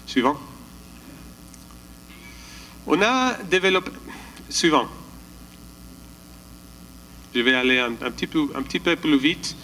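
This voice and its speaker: A man walks an audience through slides at a conference, pausing to search for words and restarting his sentences. His voice sits a little high for a man. A faint background noise runs under it. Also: expressive, sharp tone, rough recording. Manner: calls for the next slide. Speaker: conference presenter. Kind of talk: slide presentation at a summit.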